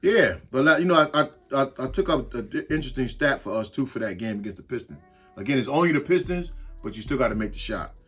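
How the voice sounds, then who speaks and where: A man's voice: medium pitch, lively intonation, fast talker, fairly bright tone, husky. A man co-hosting a casual sports podcast, talking loosely with frequent restarts and slang. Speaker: podcast co-host.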